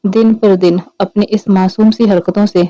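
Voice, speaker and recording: A man's voice: high-pitched, little pitch movement, moderate pace, mellow, dry recording, natural voice, poor audio. A woman voicing a playful, possessive young man in love who teases his fiancée. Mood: teasing.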